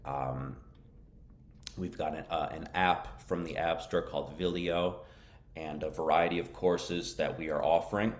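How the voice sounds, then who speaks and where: Deep-voiced man teaching live. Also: steady tone, a little slow. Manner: casual, repeats "okay?" to check understanding, mixes in Arabic words. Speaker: English teacher hosting a live lesson. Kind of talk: live-streamed English lesson with viewer questions.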